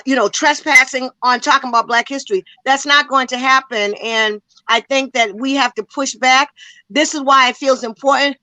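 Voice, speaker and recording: A woman's voice: sits high, bright, forceful tone, dry recording, rough recording. A woman community educator speaking with passion in a panel discussion, emphatic and full of rhetorical questions, a little out of breath.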